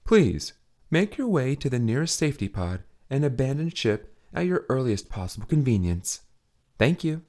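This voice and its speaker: A man's voice: mid-range voice, big pitch swings, normal speed, a little mellow, pitched above the performer's own voice, close to an everyday voice. A man voicing a ship's automated announcement system in an audiobook, overly polite and unconcerned.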